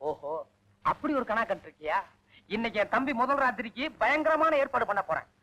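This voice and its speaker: An actor playing a bossy, stubborn elder brother in a village comedy, brusque and bickering. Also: male voice, very high-pitched, very animated, a little fast, pushed and bright, heavily acted, low-quality recording. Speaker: head of the family, elder brother. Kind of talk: 1980s film comedy acting.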